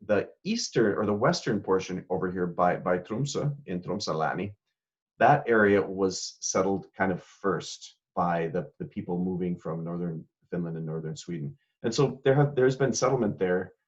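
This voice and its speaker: A man giving a casual slide lecture in a relaxed, explanatory way, often checking in with "right?". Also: deep voice. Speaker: guest lecturer. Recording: slightly muffled lo-fi audio.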